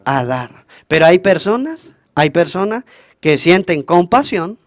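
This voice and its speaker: A man's voice: high voice, very animated, measured pace, no echo. A man, a priest, preaching a homily at Mass, asking the congregation questions and answering them himself. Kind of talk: call-and-response homily at Mass.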